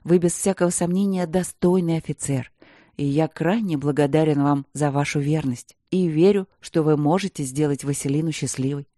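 A middle-aged prince consort chooses his words with formal reluctance, as a woman reader lowers her voice for him. He sounds dark and measured, recorded dry and close. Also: dry recording. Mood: reluctant.

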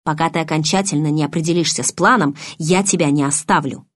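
A woman's voice: low-pitched, fast talker. A woman reading an audiobook, voicing a stubborn, blunt young man who insists on his way.

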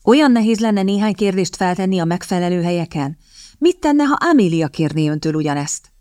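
A woman's voice: lowish voice, animated, dark tone, dry recording, studio quality, close to an everyday voice. Woman voicing a coaxing, determined young lady. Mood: persuasive. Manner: persuasive, coaxing. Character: sharp, determined young woman seeking a husband.

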